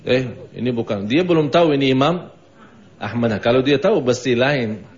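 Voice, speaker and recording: A preacher with an Indonesian accent tells a story during a mosque sermon, acting out voices and chanting phrases of remembrance. His mid-range voice is expressive and moves at a normal speed, captured on a dull lo-fi broadcast recording.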